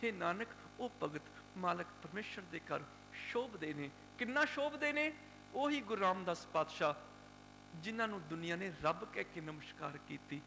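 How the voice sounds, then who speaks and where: A Sikh preacher from Punjab, India, telling a religious story in a fervent, rhythmic, emphatic way. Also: male voice, high-pitched, normal speed, creaky, bright, forceful tone, soft background music. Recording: hall reverb, faint hum.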